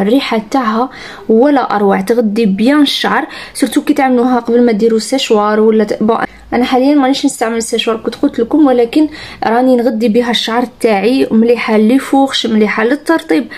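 A woman's voice: on the high side, fast talker, darkish tone. A woman with an Algerian accent chatting casually to her viewers, reviewing products with enthusiasm. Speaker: beauty vlogger.

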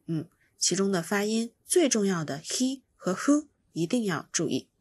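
A woman's voice: medium pitch, big pitch swings, moderate pace, darkish tone, breathy edge, no room sound. A woman teaching pronunciation, patiently explaining each sound and demonstrating it by repeating it. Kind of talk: slow instructional explanation.

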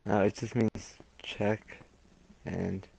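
A young man chatting casually while playing a game, laid-back and quick to laugh at himself. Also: on the low side, level tone, vocal fry, darkish tone, a little hiss or hum, poor audio. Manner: laid-back, giggly, self-mocking. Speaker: gameplay streamer. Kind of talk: casual gaming chat.

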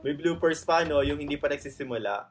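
A young Filipino man with a Filipino accent, chatting excitedly as host of a reaction video and switching between Tagalog and English. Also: on the high side, a little fast. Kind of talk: casual reaction commentary.

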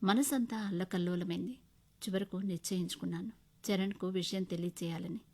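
A woman narrating a short story in the first person with emotional, expressive storytelling. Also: fairly low pitch, a little fast.

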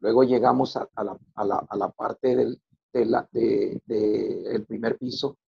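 A man telling his personal religious testimony, halting and repeating words as he goes. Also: lowish voice, fairly even intonation, gravelly, husky, lo-fi sound. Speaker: testimony speaker.

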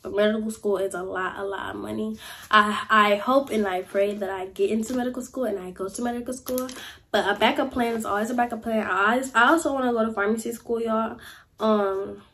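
A young adult woman vlogger sits in a chair in a small indoor room, chatting casually to camera in a life-update vlog. She gestures animatedly and keeps saying "y'all" and "like." Her voice is medium-pitched and a little fast.

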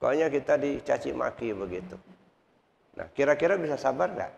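A man delivers a sermon at a mosque study session with a rough, gravelly voice. He drives each point home through repetition and rhetorical questions to his listeners. The recording is dull and lo-fi, with a long echo from the mosque hall. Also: medium pitch, expressive, fairly quick. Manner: repeats points and asks the congregation rhetorical questions. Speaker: Islamic preacher. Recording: reverberant hall, dull lo-fi sound.

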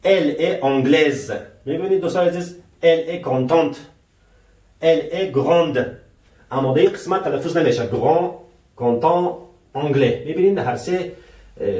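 An expressive man with a fairly high, slightly mellow voice gives a French lesson in Persian, addressing viewers as dear friends and asking them rhetorical questions. He enunciates French example sentences slowly, and the echoey room puts him a little distant from the mic.

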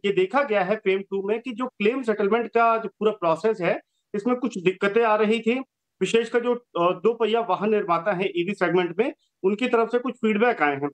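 A male business reporter delivers a brisk, informative story on a lapel mic in a television studio. His voice sits high for a man. He breaks up his sentences now and then with short filler pauses. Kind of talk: news report.

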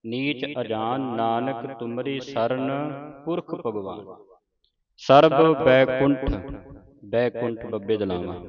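A man teaching scripture pronunciation in a slow, line-by-line recitation lesson, stopping to correct words. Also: mid-range voice, dull audio. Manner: measured, pauses to correct pronunciation.

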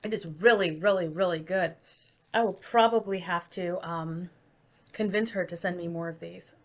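A woman's voice: on the low side, normal speed. An American woman chatting casually to camera in a taste-test vlog, rambling and laughing easily. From United States. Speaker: vlogger.

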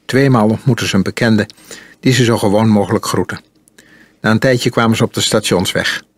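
Male audiobook narrator, calm and measured, lowish husky voice. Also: dry recording. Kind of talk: audiobook reading.

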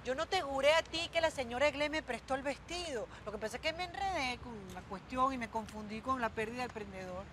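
A high-voiced, fretful, melodramatic mother in a telenovela scene. She exclaims and scolds her daughter, and a faint hum of street noise sits behind her. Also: animated, fast talker, few pauses, a bit bright. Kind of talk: telenovela acting.

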